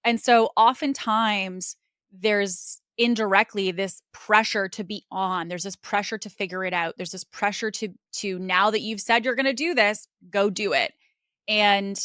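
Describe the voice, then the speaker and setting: This podcast host talks at a normal speed in a mid-range voice that is a bit bright. Her monologue is earnest and reflective yet casual, peppered with "like" and "you know," recorded dry with clean studio sound.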